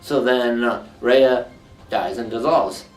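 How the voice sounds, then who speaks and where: A man casually recapping a TV episode, joking as he goes and slipping into quick voices for the characters. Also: medium pitch. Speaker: TV episode reviewer. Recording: roomy, distant mic with music underneath.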